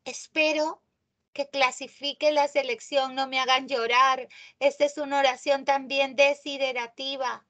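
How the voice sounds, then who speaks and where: A woman teaching a live online grammar class. She often checks in with her students and stresses key terms slowly. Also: sits high, level tone, a bit bright. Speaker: language teacher.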